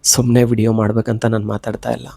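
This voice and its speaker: A man with a fever, giving an earnest devotional pep talk straight to the viewer, pleading and gently coaxing. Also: on the low side, little pitch movement, racing, vocal fry, dry recording. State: unwell with a fever. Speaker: devotional motivational speaker. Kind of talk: direct heartfelt address to the viewer.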